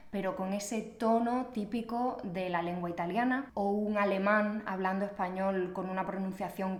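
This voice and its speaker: A young woman from Extremadura with an Extremaduran Spanish accent, teaching in a chatty, playful, self-mocking way. Her voice sits at an ordinary middle pitch. It rings in an echoey room. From Extremadura, Spain. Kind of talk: casual teaching video.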